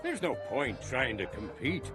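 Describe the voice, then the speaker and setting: A man's voice: mid-range voice, big pitch swings, unhurried. A man voicing a weathered, chatty pirate lounging in a tavern in a video game, telling tales in a drawling storyteller's manner. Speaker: non-player character. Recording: game audio with music bed. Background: game music.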